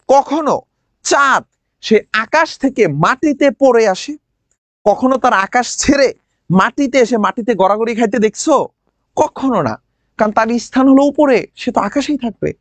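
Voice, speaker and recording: A man's voice: extremely high pitch, unhurried, dry recording. Man teaching with dramatic flair. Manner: lively, dramatic explaining, asks students questions. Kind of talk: exam-prep poetry lesson.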